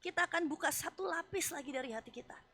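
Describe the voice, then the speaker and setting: Woman pastor, Indonesian accent, high bright voice, chatty animated sermon. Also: fast, slight background noise. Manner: animated, acts out voices of Job and God; conversational, casual asides.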